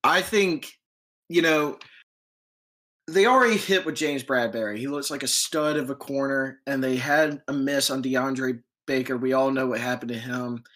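A man's voice: mid-range voice, a bit bright. A man co-hosting a casual sports talk show, talking loosely with many fillers and restarts. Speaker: podcast co-host.

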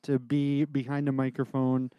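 Male podcast co-host and pastor, nasal tone, smooth and mellow, dry close sound. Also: normal speed, no echo. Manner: animated, swings his pitch up and down. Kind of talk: casual podcast chat.

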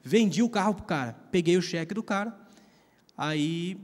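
A man's voice: high voice, lively intonation, normal speed. A Brazilian man preaching a sermon, telling a personal story in a casual, slangy way. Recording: long reverb of a large hall.

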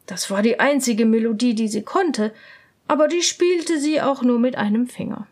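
A woman reading a fairy tale aloud in a gentle, expressive storyteller's manner. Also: fairly high pitch, normal speed.

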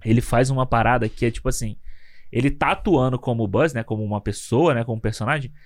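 A man's voice: medium pitch, fast talker, dry recording. A man chatting casually about films in an emphatic, slangy way, often checking in with his listener. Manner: emphatic, slangy, keeps asking "sabe?". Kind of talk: casual film discussion.

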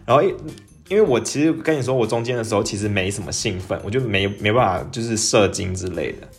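Animated young man, storytelling. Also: fast talker, soft background music. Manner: animated, jumps up in pitch when excited, mixes in English phrases. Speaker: podcast host. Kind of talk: casual storytelling monologue.

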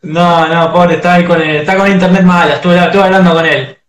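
A man's voice: high voice, fairly even intonation, quick pace, fairly bright tone, reverberant. A man with a Uruguayan accent hosting a casual live-stream interview, chatty and rambling with fillers. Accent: Uruguayan Spanish. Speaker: host of a fan live stream.

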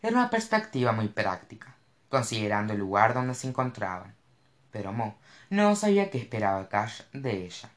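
A man narrating a novel in an expressive, animated reading style. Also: on the low side, moderate pace. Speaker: audiobook narrator. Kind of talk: scripted narration. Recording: roomy echo.

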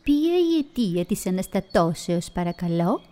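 A woman voicing a snobbish lady marmot who speaks slowly and pompously in lofty, old-fashioned words. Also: on the low side, sing-song, mellow. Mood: haughty. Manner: pompous, slow and drawn out.

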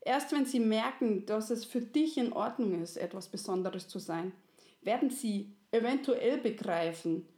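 A woman's voice: on the high side, animated, unhurried, warm tone. Woman doing a kindly creator woman. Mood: gentle. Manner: soothing, folksy, fond of dialect fillers. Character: kindly wise creator woman, patient and homely. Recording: roomy echo.

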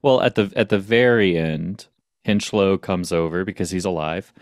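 A man's voice: deep voice, normal speed, no room sound, clean studio sound. A man on a podcast casually chatting and wrapping up a movie recap. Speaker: podcast host. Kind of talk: casual chat.

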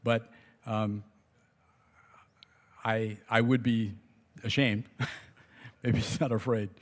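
A man's voice: on the low side, little pitch movement, drawn-out words. A man preaching a sermon in a conversational way, with restarts and small laughs. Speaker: pastor. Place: church sanctuary. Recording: long hall reverb.

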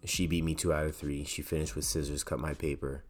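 A young man from Canada hosting a podcast, telling a personal story in a lively way and acting out the voices of the people he quotes. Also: a bass voice, fairly quick, soft background music. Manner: animated, acts out quoted voices. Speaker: podcast host.

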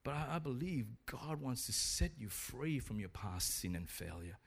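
A man's voice: medium pitch, big pitch swings, moderate pace, husky. A man preaching a sermon in an earnest, urging way, telling a story along the way.

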